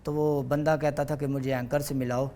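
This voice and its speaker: Young male guest mimic, relaxed storyteller, middle pitch. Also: slight background noise. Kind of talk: casual interview chat.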